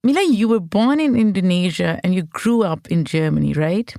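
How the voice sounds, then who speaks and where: A woman's voice: lowish voice, lively intonation, moderate pace, creaky, warm tone, no room sound, studio quality. A woman from Pakistan hosting an interview podcast, speaking in a friendly, conversational way. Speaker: podcast host.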